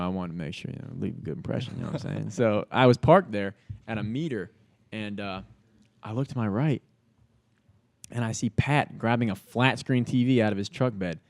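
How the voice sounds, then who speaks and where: A man's voice: fairly low pitch, moderate pace. A young man, a podcast guest, telling a story in casual, slangy talk full of fillers and swearing. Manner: slangy and animated, heavy filler words and swearing.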